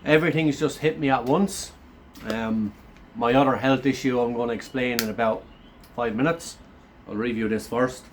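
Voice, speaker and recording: Kiwi guy reviewing food, laid back, hoarse swollen-throat voice, sounds run down, bit of noise behind him. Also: mid-range voice, normal speed. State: sore throat, thick hoarse voice; run down after a chest infection. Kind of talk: casual chat to camera.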